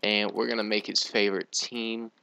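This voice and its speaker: A man's voice: on the low side, flat delivery, normal speed, gravelly, bright, forceful tone, clear, resonant tone, poor audio. A young man giving casual let's play commentary on a video game. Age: young adult. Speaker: gaming video host.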